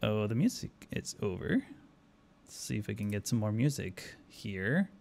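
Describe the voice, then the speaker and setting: Here the Argentine streamer sounds fairly low, gravelly and a little mellow, drifting along in a relaxed, sing-song way. He plays his city-building game on a live stream, filling gaps with filler words while reasoning aloud and fielding chat questions.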